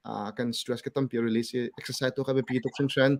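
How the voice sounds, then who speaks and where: A man's voice: medium pitch, a little fast. A man speaking casually about church ministry, mixing English words into his talk. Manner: relaxed, mixes English words into speech.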